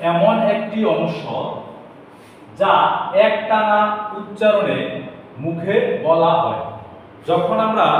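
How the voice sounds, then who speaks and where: A man with a high voice gives an English lesson at a very slow, careful pace, spelling out words letter by letter. He sounds far from the mic in a very echoey room with a long reverb tail and a faint hiss behind him. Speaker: tutor.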